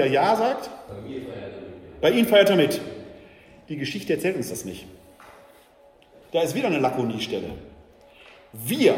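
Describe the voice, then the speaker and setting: A man's voice: a little high, darkish tone, a little hiss or hum. A man giving an emphatic lecture as a church educator, asking his audience questions, in an echoey hall. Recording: echoey hall, faint ambience.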